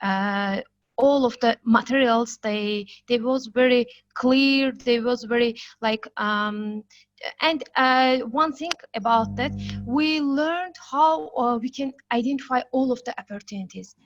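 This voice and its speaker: A woman from Azerbaijan speaking haltingly on a video call, searching for words. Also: on the high side, dry recording. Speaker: student. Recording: dry muffled call audio.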